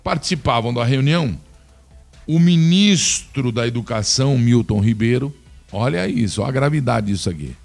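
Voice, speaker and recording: A man's voice: mid-range voice, lively intonation, normal speed, gravelly, a little mellow, soft background music. A man from Brazil giving opinionated political commentary, indignant and scornful, talking straight to his listeners.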